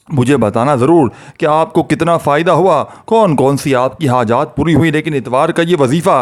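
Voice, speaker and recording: A man preaching and leading prayer for viewers, pleading with them in repetitive, fervent addresses. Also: fairly high pitch. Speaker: religious preacher. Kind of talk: devotional talk to viewers.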